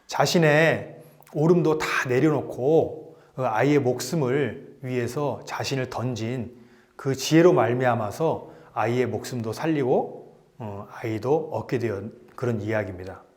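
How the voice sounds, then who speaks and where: A man giving a lecture to elderly students, retelling a story with lively swings and frequent fillers. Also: medium pitch, unhurried.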